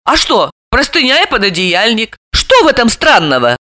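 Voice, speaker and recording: A frantic, jealous young sister from an audiobook, her voice flying high and shrill as she sobs out accusations, performed by a woman narrator. The tone is lively and bright, swinging wildly in pitch. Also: normal speed. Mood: hysterical accusing. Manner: tearful, accusing, shrill outbursts. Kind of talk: audiobook character voice.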